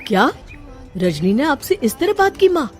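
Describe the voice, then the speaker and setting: A woman's voice: high voice, big pitch swings, moderate pace, faint music behind. A woman voicing a concerned young husband in a cartoon story, pleading with his wife. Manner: questioning, pleading. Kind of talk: cartoon voice acting.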